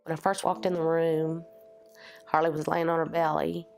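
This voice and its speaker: Woman with a really low voice, chatty interview, faint music. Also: little pitch movement, normal speed, vocal fry, darkish tone. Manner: plain, conversational recounting. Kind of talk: recorded interview.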